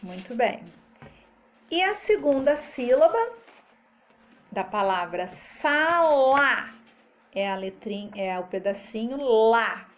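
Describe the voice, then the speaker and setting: A woman teaching a literacy lesson, breaking words into syllables and letters slowly and carefully. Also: a little high, animated, darkish tone, a little hiss or hum. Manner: slow, careful syllable-by-syllable explanation.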